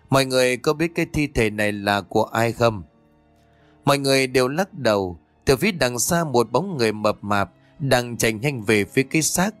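A man narrating a ghost story in a steady storytelling manner. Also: mid-range voice. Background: faint music.

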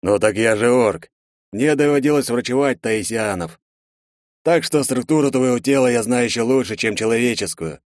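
A man voicing a calm orc healer who speaks slowly and firmly. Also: medium pitch, no room sound, studio quality, pitched above the performer's own voice, natural voice. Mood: firm measured. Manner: slow, firm, measured.

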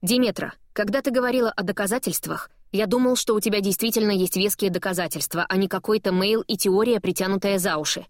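A woman's voice: medium pitch, fast talker, hardly any pauses, dry recording, studio quality, natural voice. A woman reading an audiobook, voicing a stern middle-aged male boss who talks curtly and firmly. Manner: curt, weary, firm. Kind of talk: audiobook character voice.

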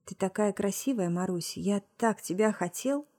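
A woman voicing a young man, a hoarse and possessive lover, in a low, hushed audiobook voice. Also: normal speed, close to an everyday voice.

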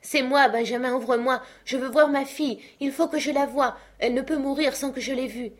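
A woman voicing a grief-stricken old father who cries out in loud, anguished bursts, wild with sorrow and rage. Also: sits high, steady tone, fairly quick, voice pushed up. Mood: pleading, furious.

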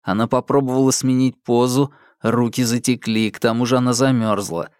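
A man's voice: mid-range voice, fairly even intonation, moderate pace, a little mellow, clear, resonant tone, dry recording, studio quality. Man narrating a tense thriller audiobook. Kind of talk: scripted narration.

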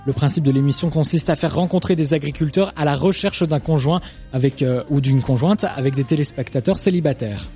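A fairly high-voiced man presents a media segment on a small web radio show. He reads his notes in a chatty way, with little jokes and asides to his partner. His tone is relaxed and conversational. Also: brisk, faint music behind. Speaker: radio co-host.

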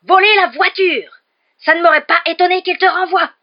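A woman voicing a furious mother who shrieks at her son in slow, piercing shouts. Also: extremely high pitch, steady tone, dull audio, voice pushed up. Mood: furious shouting.

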